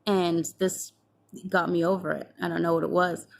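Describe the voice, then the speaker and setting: A young woman with a slightly low voice talks straight to the camera in a loose, chatty vlog. She replays old conversations as she goes and swears without thinking twice. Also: little pitch movement, normal speed, gravelly. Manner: chatty, acts out past conversations, swears freely. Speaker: vlogger. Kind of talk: casual storytelling to camera.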